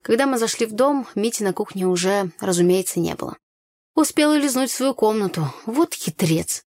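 A woman's voice: mid-range voice, expressive, normal speed, a little mellow, no room sound. Woman narrating a story in a dry room. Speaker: audiobook narrator. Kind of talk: first-person scripted narration.

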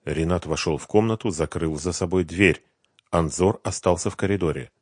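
A man narrating an audiobook in a dramatic, expressive reading. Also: low-pitched, normal speed, no room sound, clean studio sound. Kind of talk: scripted narration.

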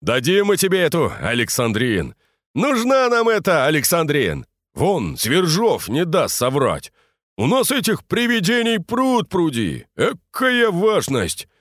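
A man's voice: on the high side, huge pitch swings, a little slow, no echo, clean studio sound, pitched above the performer's own voice, exaggerated voice. A man voicing a boisterous, bantering Moscow drinker nicknamed the cruiser, in an audiobook. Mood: hearty. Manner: loud, hearty, bantering.

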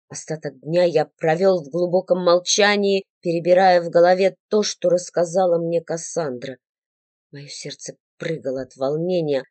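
A woman reading first-person story narration in a calm, measured way. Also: deep voice, no room sound. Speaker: audiobook narrator.

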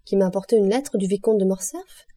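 Earnest young nobleman, courteous, worried, dark mellow tone, read by a woman, audiobook. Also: medium pitch, fairly quick, natural voice. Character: anxious young male nobleman, polite and earnest.

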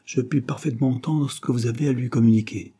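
A rude young man dismisses a visitor with clipped, raised lines, voiced by a male storybook reader. The husky, dark timbre stays underneath. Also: medium pitch, steady tone, fast talker, voice pushed up, natural voice. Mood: curt. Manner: curt, dismissive. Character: curt, rude young lawyer's son.

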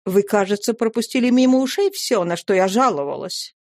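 A woman's voice: mid-range voice, fairly quick, no echo, studio quality, close to an everyday voice. A woman voicing a haughty, reproachful society wife who nags her husband in a storybook reading. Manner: reproachful, sharp.

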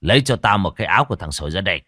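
Gruff old sorcerer, as a male storyteller puts him on: loud, bossy, lively in pitch, dry recording. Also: very fast, no echo, exaggerated voice. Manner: loud, barking orders.

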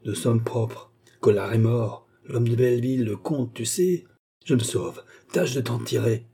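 A man voicing a frightened male crook in an audiobook, hurried and wild-eyed. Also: mid-range voice, creaky, warm tone, breathy edge. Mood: panicked. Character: panicked fleeing male crook.

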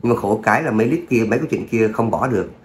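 Guy reading a serial story, lowish voice, echoey room. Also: racing. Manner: chatty, with filler words, then a steady reading. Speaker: audio story narrator. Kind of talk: casual chat, then story narration. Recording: roomy echo, faint hum.

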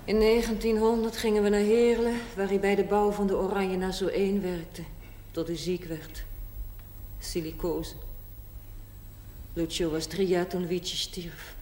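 Playing a proud, frank 45-year-old woman who once worked as a prostitute, this actress recounts her hard life in a TV drama monologue with blunt, deliberate, matter-of-fact delivery. Her medium-pitched voice is mellow and natural with little pitch movement. The 1970s TV audio has echo and faint noise.

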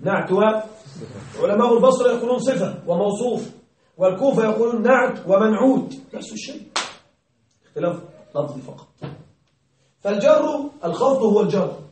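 A male grammar teacher giving a classroom lesson, questioning his students, checking that they follow and repeating key words slowly. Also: high voice, lively intonation, a little mellow, slight background noise. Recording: very echoey room, distant mic.

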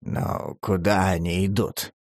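A man voicing a wary, bewildered homeless man in a horror audiobook, speaking in a low, subdued, hesitant way. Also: little pitch movement, slow, no echo, clean studio sound. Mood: irritated.

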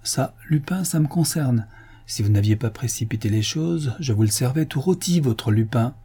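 A man reading a sardonic gruff police inspector. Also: medium pitch, lively intonation, normal speed, warm tone. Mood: ironic. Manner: ironic, offhand. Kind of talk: audiobook reading.

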